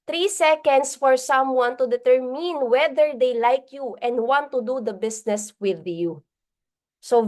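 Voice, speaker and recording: Chatty Filipino woman mentor, high voice. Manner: chatty Taglish, laughs at own jokes. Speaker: business mentor. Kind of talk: casual online training talk.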